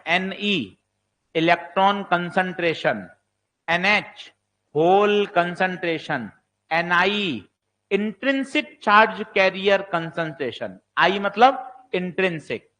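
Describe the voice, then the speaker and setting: Here the lecturer's voice is high and a touch bright. Prepping students for an exam in physics, he peppers them with questions he answers on his own, and at times he acts out a doubting student.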